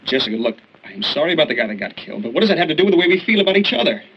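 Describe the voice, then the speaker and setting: An earnest, coaxing boyfriend. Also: male voice, a little high, very animated, very fast. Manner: coaxing, insistent. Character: earnest young man comforting his girlfriend. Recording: dull noisy film soundtrack.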